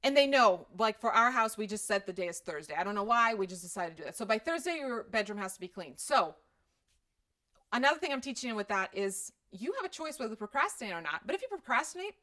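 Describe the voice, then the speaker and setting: Her voice sits a little high, swinging widely in pitch, and she talks quickly with a pushed, bright quality. She's a middle-aged Croatian woman with a slight accent, casually discussing parenting and responding to viewer questions on a live stream, candid and quick to poke fun at herself.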